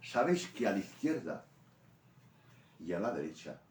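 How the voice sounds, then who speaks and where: A man with a Spanish accent from Spain, preaching a sermon in an animated storytelling way. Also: low voice, normal speed. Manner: animated storytelling preaching, rising to loud peaks. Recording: roomy echo from a distant mic.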